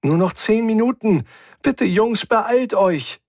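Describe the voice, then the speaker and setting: A nervous woman pleads over the comm in a high, urgent voice, as a male narrator puts her on. The sound is close and dry. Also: lively intonation, unhurried, bright, forceful tone, no echo, heavily acted. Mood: anxious. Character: anxious female ship AI or crewmate.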